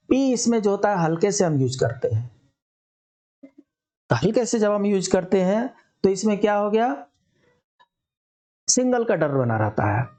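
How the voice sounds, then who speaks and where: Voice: mid-range voice, warm tone. A teacher giving a spelling lesson for exam students, explaining step by step and answering their own questions.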